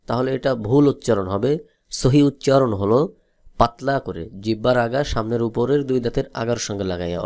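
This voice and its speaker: A man from Bangladesh teaching Quran letter pronunciation, drilling each letter slowly and repeating it several times. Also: medium pitch, a little mellow. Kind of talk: slow letter-by-letter pronunciation lesson.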